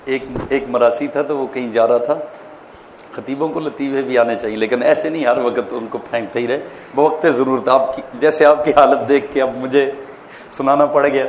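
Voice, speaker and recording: A man, a mufti, giving an animated classroom lecture on public speaking, quizzing his listeners and telling jokes. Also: mid-range voice, slight background noise. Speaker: mufti teaching a course. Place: lecture hall.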